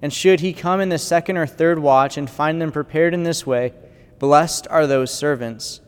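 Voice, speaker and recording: A man's voice: on the high side, moderate pace, clean tone. A clergyman reading the gospel and preaching a conversational homily in a church with a cathedral-like echo. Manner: conversational preaching with fillers, bursts of loudness. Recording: long church reverb.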